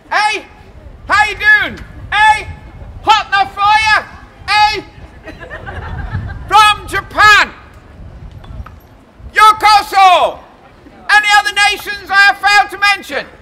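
High-pitched, booming older male town crier. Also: slow, pauses often. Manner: town crier, loud declaiming and theatrical, jovial. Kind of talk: town crier's proclamation to a street audience. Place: outdoors on a busy city shopping street. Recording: noisy outdoor street with crowd. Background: crowd and street noise.

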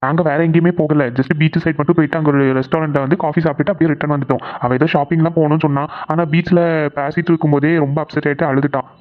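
A woman's voice: low-pitched, fairly even intonation, rapid-fire. A woman who voices the characters of her cartoon channel and talks to viewers in an easygoing way. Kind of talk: cartoon voice acting and chat to viewers. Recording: dull lo-fi recording.

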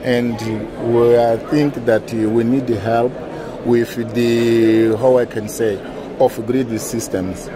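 A middle-aged man, a native Portuguese speaker with a thick foreign accent, giving halting interview answers in non-native English. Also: medium pitch, steady tone. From Mozambique. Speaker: utility manager being interviewed. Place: indoor conference interview booth. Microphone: lapel. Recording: busy event hall chatter behind.

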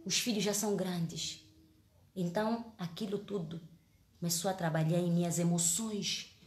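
A woman's voice: on the low side, fairly even intonation, normal speed, darkish tone, reverberant. A woman, an actress telling a story in a casual live-stream chat, earnest and emotional, often restarting her words. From Angola.

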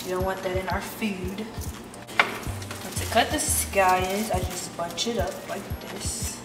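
A woman's voice: medium pitch, fairly even intonation, takes it slowly. A woman chef giving a step-by-step cooking demonstration in a home kitchen. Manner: instructive, step-by-step. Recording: roomy distant camera audio with loud music. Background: loud background music.

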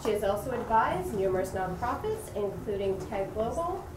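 A woman's voice: medium pitch, sing-song, normal speed. A woman reading speaker introductions from paper at a bookstore event, stumbling over a name. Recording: roomy, distant, noisy.

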